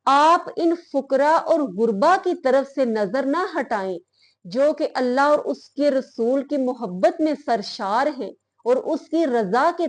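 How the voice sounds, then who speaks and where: A woman giving an earnest Islamic moral talk, speaking in a measured preaching manner. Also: high-pitched, darkish tone. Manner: slow, earnest preaching with Urdu religious phrasing. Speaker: religious speaker.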